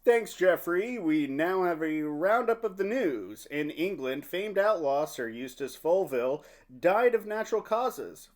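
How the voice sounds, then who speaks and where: A man playing a formal news anchor reading a scripted mock bulletin of medieval events. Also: on the high side.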